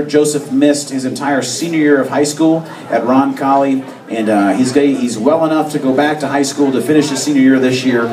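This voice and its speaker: A man's voice: a little high, darkish tone. A man hosting a live bar event on stage, speaking into a handheld mic with many "uh" fillers. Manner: hesitant, with frequent "uh" fillers. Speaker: event host. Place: bar stage before a crowd. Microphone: handheld mic, far camera. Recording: echoey bar from far off, crowd noise. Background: crowd chatter.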